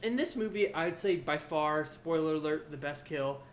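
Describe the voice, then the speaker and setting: A man's voice: a little high, normal speed. Chatty man in an echoey room. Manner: chatty, laughs often, many fillers. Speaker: podcast co-host. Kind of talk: casual film discussion. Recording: echoey room with faint noise.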